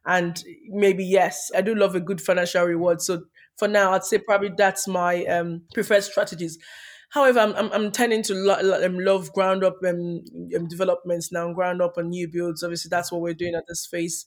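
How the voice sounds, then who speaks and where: Even-toned woman in a podcast interview. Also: fairly low pitch. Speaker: podcast guest, property developer. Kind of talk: casual interview talk.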